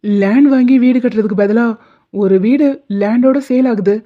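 A woman voicing an anxious, lovesick young college man in an animated drama, speaking in a worried, hesitant way. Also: fairly high pitch, normal speed, close to an everyday voice. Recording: dull lo-fi audio.

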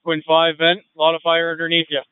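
Urgent fire commander on tinny two-way radio. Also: male voice, a little high, completely flat delivery, clean tone, no echo. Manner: brisk procedural orders. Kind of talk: urgent firefighter radio traffic.

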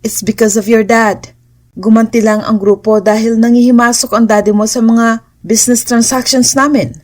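A woman voicing a calm, guarded young male kidnapper who speaks tersely and unhurriedly. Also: fairly high pitch, normal speed, close to an everyday voice. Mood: cool.

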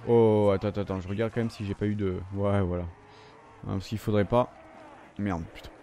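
A man giving live commentary over his gameplay, ranting and swearing in frustration, then talking himself back into calm. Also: fairly low pitch, a little fast, a little hiss or hum. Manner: profane, frustrated ranting that swings between outbursts and calming himself. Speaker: gamer recording his gameplay.

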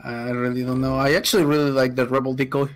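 A man with a medium-pitched voice talks casually about a game with a friend. He is slangy and joking, acting as an informal co-commentator. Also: little pitch movement, fast talker. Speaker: gaming co-commentator. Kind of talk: casual chat.

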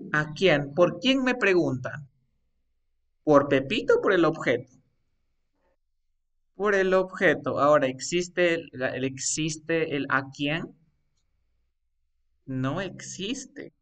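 A man's voice: fairly high pitch, animated, very slow, long pauses, recorded from a distance. A man teaching an English grammar lesson, coaxing his students step by step with repeated questions. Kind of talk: live online grammar lesson.

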